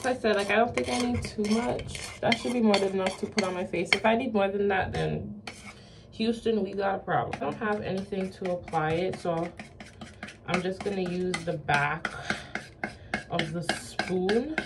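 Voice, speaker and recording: Music runs under this very noisy clip of a young woman vlogging casually from a small bathroom. A beauty vlogger, she jokes in tongue-in-cheek zoomer slang, her medium-pitched voice at a normal pace.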